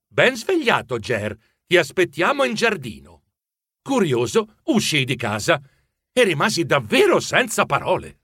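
A man narrating a children's storybook in the first person, with animated, exclamatory delivery. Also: on the high side, no room sound, studio quality. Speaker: audiobook narrator.

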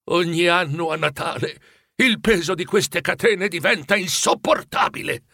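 A man's voice: moderate pace, vocal fry, sharp tone, no echo, clean studio sound, full character voice. A man voicing the ghost of a dead old businessman, chained and remorseful, speaking in a mournful, pleading way for a storybook reading. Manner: mournful, pleading, rising in pitch.

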